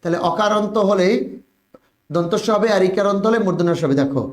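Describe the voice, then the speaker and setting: A man with a high voice teaches spelling in an echoey room. He repeats each word over and over and presses his students for quick answers. His talk is brisk and coaxing, a classroom drill. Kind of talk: online spelling lesson.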